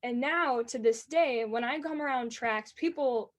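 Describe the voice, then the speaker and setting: In quick, enthusiastic bursts, an earnest eighteen-year-old woman with a high-pitched voice fields an interviewer's questions on the subject of announcing races.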